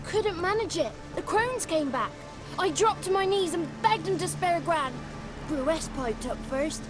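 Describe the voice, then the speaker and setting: A man's voice: very high voice, lively intonation, a little slow. An actor voicing a small, nervous and cheeky male goblin creature, telling his story in a folksy, rustic way. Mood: fretful. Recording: game audio with loud music.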